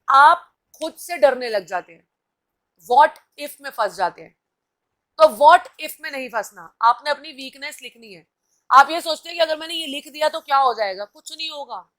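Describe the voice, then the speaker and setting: A woman's voice: high-pitched, fairly bright tone. A woman host giving a live-stream motivational talk, coaching viewers directly and reading out their comments. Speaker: TV anchor and host.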